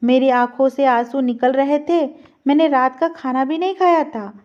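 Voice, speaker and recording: A woman storyteller narrating an emotional story in a steady, sorrowful reading style. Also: sits high, moderate pace. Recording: slightly dull lo-fi recording.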